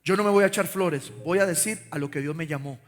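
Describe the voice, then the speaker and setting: A man's voice: fairly high pitch, fast talker. A man preaching a live sermon in a church, fervently urging the congregation to repeat after him. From Costa Rica. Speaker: pastor. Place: large church sanctuary. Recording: reverberant hall with faint music.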